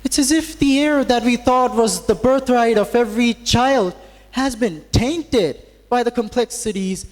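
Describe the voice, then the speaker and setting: In a big, echoing hall, a male student delivers a podium speech. His voice sits high for a man and he takes his time, phrasing things with formal, theatrical flourish and a wry rhetorical edge. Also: unhurried. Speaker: student speaker at a school assembly. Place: large hall at a school assembly. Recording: echoey hall with long reverb.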